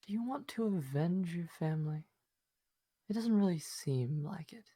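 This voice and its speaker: A man voicing a mysterious male voice that speaks inside a character's head, in a hushed, measured, theatrical whispered role-play. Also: fairly high pitch, expressive, slightly rough, no room sound, pitched above the performer's own voice. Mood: probing.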